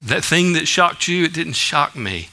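A man voicing Jesus as a gentle, reassuring figure who speaks softly and calmly to a frightened believer. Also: fairly high pitch, measured pace, full character voice. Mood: calm reassurance.

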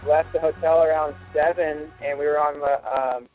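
A man's voice: a little high, flat delivery, normal speed, soft background music. A man in his twenties from Virginia, casually telling a story over the phone, loose and rambling with lots of restarts. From Virginia, USA. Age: 20s. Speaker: guest surfer telling a story. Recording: tinny telephone line.

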